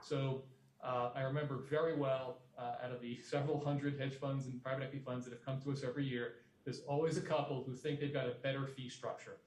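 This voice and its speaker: A man lectures a business class in a plain, direct way, leaning on folksy sayings and returning to them. His voice sits at an ordinary middle pitch. The lecture room echoes around him, and he is heard from some distance off the mic. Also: little pitch movement, brisk. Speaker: guest lecturer.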